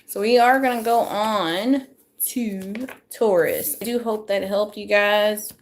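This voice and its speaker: A woman, going a bit hoarse, chatting to viewers as she gives a casual live tarot reading into her phone at home. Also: mid-range voice, slow. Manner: chatty, self-deprecating, talks to viewers. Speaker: tarot reader.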